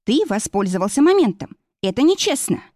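Here is a young heroine caught in a heated scene, her voice lifted high and strained with feeling, as a woman narrator puts her on. She pleads and protests in a dry, close storybook recording with no room sound. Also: sing-song, brisk, a little mellow, dry recording. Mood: upset.

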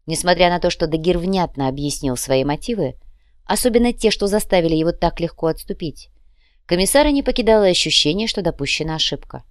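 A woman narrating an urban fantasy audiobook with a steady, even reading. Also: fairly low pitch, a little fast, no echo, clean studio sound.

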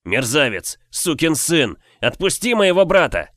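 A man voicing a drunk young male warrior shouting in a rage at a giant. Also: a little high, animated, brisk, dry recording, studio quality, voice pushed up. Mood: furious. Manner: shouting, enraged.

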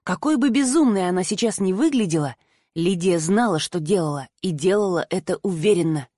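A woman narrating a first-person audiobook in an expressive reading voice. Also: lowish voice, brisk, dry recording.

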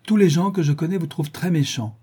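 A man voicing an old, gossipy society hostess who chides in raised, indignant exclamations, with a husky voice. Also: mid-range voice, brisk, mellow, pitched above the performer's own voice, close to an everyday voice. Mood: scolding.

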